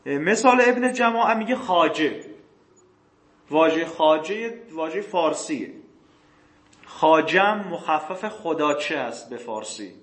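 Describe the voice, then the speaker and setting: A male teacher giving a classroom lecture on grammar texts. He asks questions and answers them himself, reads passages slowly, and often clears his throat. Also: on the high side, lively intonation, fairly bright tone, echoey room. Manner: reads passages slowly, then explains faster.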